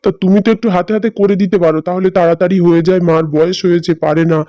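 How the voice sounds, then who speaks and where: A man's voice: high voice, steady tone, rapid-fire, no echo, lo-fi sound, lightly acted. A man voicing a selfish, hen-pecked grown son in a cartoon drama, blunt and impatient. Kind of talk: cartoon voice acting.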